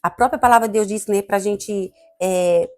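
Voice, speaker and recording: A woman's voice: mid-range voice, moderate pace. A woman with a Brazilian Portuguese accent giving an informal, fervent church sermon in a conversational, digressive way. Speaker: church member preaching.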